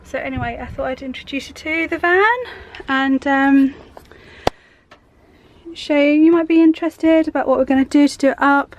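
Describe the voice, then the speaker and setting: A woman, croaky from a cold, chatting rambly and casually in a camper van vlog. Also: high voice, fairly even intonation, normal speed, lo-fi sound. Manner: chatty, rambling, self-interrupting. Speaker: craft vlogger. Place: inside a camper van on a busy main road. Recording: traffic noise from a main road. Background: road traffic noise.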